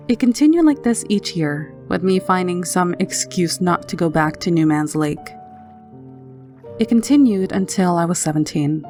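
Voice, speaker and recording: A woman narrating a scripted first-person scary story in a low, haunting, measured manner. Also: a little mellow. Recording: narration over background music. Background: music.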